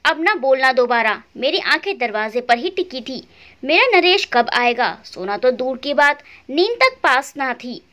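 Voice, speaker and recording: A woman's voice: high-pitched, sing-song, unhurried, a bit bright. A woman telling a scripted first-person family story in an emotional, plaintive way.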